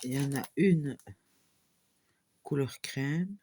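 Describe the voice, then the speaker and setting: A woman shows off a new craft kit in a casual vlog, speaking slowly and hesitantly with many pauses and restarts. She is recording away from home on a camera on a small tripod. A faint noise sits behind her voice. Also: very deep voice. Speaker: hobby channel host.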